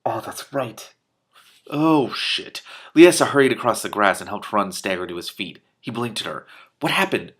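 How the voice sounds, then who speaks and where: This man reads a fantasy tale in a lowish voice at a normal speed, tossing in spontaneous asides about the book. His delivery is expressive, especially in dialogue, with occasional stumbles and rereadings.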